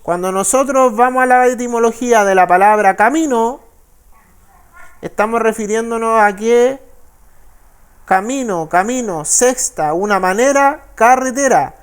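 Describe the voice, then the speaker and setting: A man with a Chilean Spanish accent, a pastor teaching the Bible in a sermon. He reads verses slowly and keeps checking with listeners. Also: extremely high pitch, smooth. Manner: frequent tag questions, slow deliberate verse reading.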